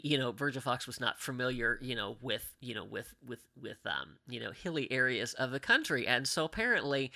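Bright-voiced hesitant organist from Pittsburgh. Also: male voice, mid-range voice, gravelly. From Pittsburgh, USA. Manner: hesitant, many fillers and restarts, laughs often. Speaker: organist guest. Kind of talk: casual podcast conversation.

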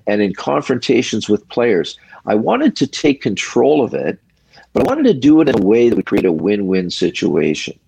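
Gravelly low-voiced older man. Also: big pitch swings, a little mellow, no echo. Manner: measured and reflective, speaks in short pausing phrases. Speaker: retired hockey referee, guest. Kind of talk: storytelling in a casual interview.

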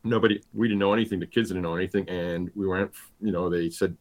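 A man in his fifties from Cuba, a guest telling his life story in a relaxed, rambling way with plenty of fillers. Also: low voice, quick pace. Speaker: guest, gravel event organizer. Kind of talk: casual interview storytelling.

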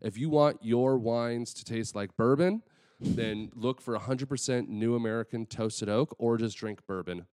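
A man's voice: mid-range voice, normal speed, a little mellow, clear, resonant tone. A man co-hosting a podcast in casual chat, explaining things with self-mocking humor. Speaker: podcast co-host.

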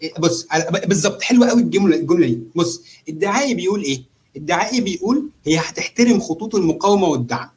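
An Egyptian-accented man talks at a very rapid clip in a slightly high voice. He casually walks through a trading exercise, explaining with animation and checking in with his listener as he goes. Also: expressive, a little mellow. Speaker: trader demonstrating chart analysis. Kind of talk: casual live walkthrough of a trading simulation.

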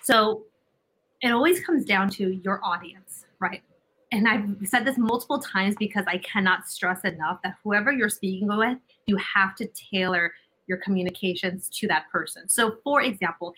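A woman's voice: mid-range voice, moderate pace, sharp tone, rough recording. A woman being interviewed as a communication coach, giving emphatic advice and often checking in with "right?". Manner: emphatic, repeats key points.

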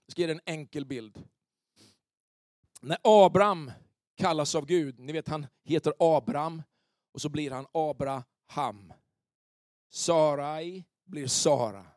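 A male pastor preaching an animated sermon in a church, often checking if the congregation is with him. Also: on the high side, pauses often, no room sound, studio quality. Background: soft keyboard pads.

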